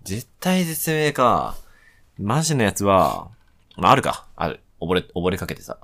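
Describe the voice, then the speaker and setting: A man co-hosting a podcast, relaxed and offhand, giving short answers to a quick-fire list of questions. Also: lowish voice, creaky. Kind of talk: casual chat.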